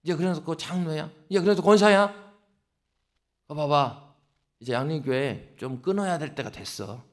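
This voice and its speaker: A man's voice: on the high side, normal speed, long pauses, lightly acted. A man voicing a sly male devil who whispers mocking doubts to a believer. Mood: taunting. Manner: mocking, needling.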